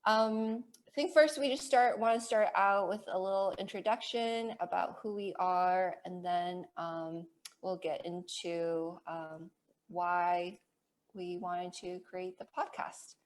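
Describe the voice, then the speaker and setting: A woman in her forties hosting a casual podcast conversation, chatty and quick to laugh. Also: on the low side, fairly even intonation, low-quality recording. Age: 40s. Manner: chatty, laughs easily, uses lots of fillers. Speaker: podcast host. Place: home in Maine, US.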